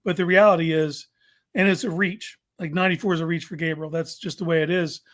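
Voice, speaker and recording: A man's voice: a little high, steady tone, fast, a bit bright. A man hosting a casual sports talk show, making his points informally and emphatically, repeating them for stress.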